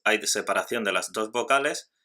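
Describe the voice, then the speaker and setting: A man teaching a grammar lesson in scripted narration, slowly and carefully spelling out syllables. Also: on the low side, sharp tone.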